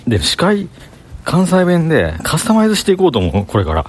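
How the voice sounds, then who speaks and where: A man's voice: on the high side, wildly swooping pitch, fairly quick, husky. A man with a Banshu Kansai accent, rambling casually to himself as he walks outdoors through city streets. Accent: Kansai, Banshu (Himeji) dialect. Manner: chatty self-talk, thinking aloud. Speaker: vlogger talking to camera. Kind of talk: casual rambling monologue while walking.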